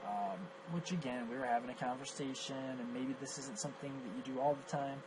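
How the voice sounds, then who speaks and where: A poker coach, hoarse after losing his voice to coughing, reviews his own match in screen-recorded commentary on the hands. He speaks briskly at a medium pitch with a steady tone, thinking aloud analytically and self-critically with fillers, while background noise sits behind him.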